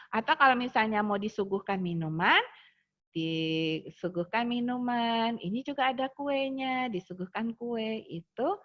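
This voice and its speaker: A woman leads a manners lesson for small children, her voice pitched fairly high. She speaks in a bouncy, exaggerated sing-song and keeps asking the little ones questions. The sound is dull and lo-fi, like a simple home recording. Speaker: kindergarten teacher.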